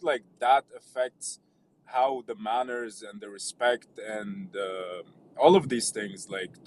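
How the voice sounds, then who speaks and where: A man from Lebanon calls into a live stream and speaks at a mid pitch. He talks hesitantly, stopping and restarting often. There is a faint hiss of noise behind him. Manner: hesitant, many fillers and restarts. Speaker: caller. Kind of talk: casual call-in chat.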